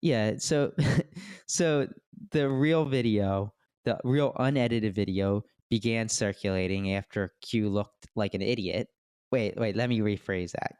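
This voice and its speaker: A man co-hosting a casual podcast, talking in an animated way with quick asides and restarts. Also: fairly low pitch, clean tone, no echo, studio quality. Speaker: podcast co-host.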